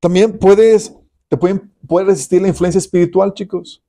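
A man's voice: high-pitched, moderate pace. A man preaching to young people, asking them rhetorical questions. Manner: animated, addresses listeners directly with rhetorical questions. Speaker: youth pastor. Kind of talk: sermon.

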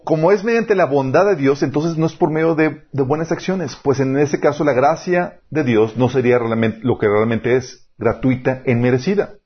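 Male preacher, husky voice, animated youth Bible lesson, slightly muffled recording. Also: a little high. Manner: animated, asks the audience for agreement. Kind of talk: Bible teaching.

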